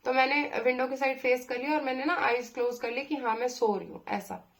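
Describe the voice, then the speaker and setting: A young woman, telling a personal story in a chatty way, with pauses and fillers. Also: high voice, fairly even intonation. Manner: chatty, with many pauses and fillers, acting out her own angry replies. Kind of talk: casual storytelling.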